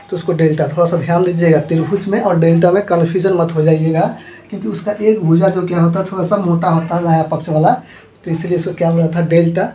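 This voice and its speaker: A man's voice: high-pitched, mellow, echoey room, a little hiss or hum, low-quality recording. A man teaching a math lesson. He asks the class questions, answers them himself, and ends each point with a rising "thik hai".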